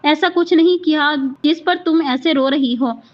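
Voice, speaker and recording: Woman doing a bitter angry young guy in a storybook, high voice, muffled lo-fi sound. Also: unhurried. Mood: harsh. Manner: harsh, accusing. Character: harsh angry young husband, man.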